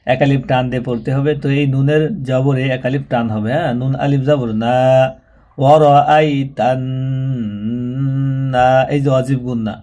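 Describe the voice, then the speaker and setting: A man's voice: medium pitch, fairly even intonation, mellow. A man giving a Quran reading lesson, spelling out each word and explaining pronunciation rules. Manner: slow drawn-out recitation alternating with plain explaining. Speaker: Quran recitation teacher.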